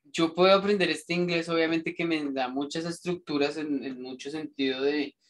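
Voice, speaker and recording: A man teaching an English class, explaining slowly and rambling with many fillers and restarts. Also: a little high, fairly bright tone.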